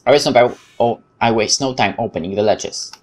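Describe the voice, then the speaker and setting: Brisk and mid-range, a Polish man's accented voice dramatizes visual novel lines during a let's play, occasionally tripping over words and slipping in offhand comments.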